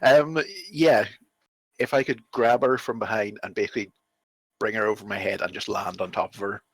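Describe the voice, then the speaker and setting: A man's voice: fairly low pitch, fairly even intonation, moderate pace, no room sound, rough recording. A man playing a tabletop game, laid-back and chuckling as he plans his moves. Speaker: player.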